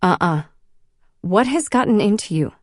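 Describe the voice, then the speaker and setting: A middle-aged mother, stern and quietly firm, as an audiobook narrator voices her. She talks slowly and lower than the narrator. The reading is dry and close. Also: animated, no echo, lightly acted. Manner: slow, low and controlled.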